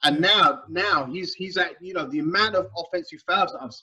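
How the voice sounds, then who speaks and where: Husky man talking basketball, stumbling. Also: high-pitched, brisk. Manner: stumbling, repeats words, animated. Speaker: podcast panelist. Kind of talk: casual sports chat. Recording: dull lo-fi sound.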